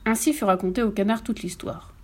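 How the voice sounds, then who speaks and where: A woman reading a children's picture-book story aloud with expressive, animated storytelling and playful animal sounds. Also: medium pitch, a little fast.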